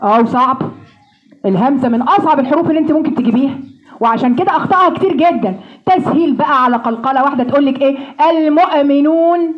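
A woman with an Egyptian accent teaching Quran recitation, drilling sounds slowly and joking with homely comparisons. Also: sits high, highs cut off. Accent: Egyptian Arabic. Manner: playful, homely comparisons, slow drawn-out model sounds. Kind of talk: pronunciation lesson with drills.

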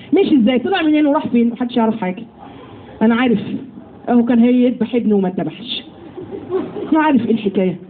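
Quick, high-voiced Egyptian woman teaching religion. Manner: lively, asks the audience questions. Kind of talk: religious lesson to women. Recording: tinny phone-like audio with faint noise.

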